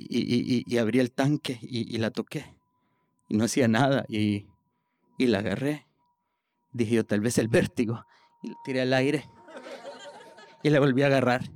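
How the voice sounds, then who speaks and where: A man telling a personal story on stage in a lively way, often stumbling over repeated words as he restarts. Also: medium pitch, no room sound, studio quality. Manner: animated, with stammered restarts.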